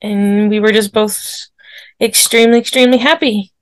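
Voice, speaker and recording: A woman in her forties telling a personal story on a podcast, animated and laughing often as she acts out what people said. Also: mid-range voice, moderate pace, no echo. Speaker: podcast guest. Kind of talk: casual storytelling.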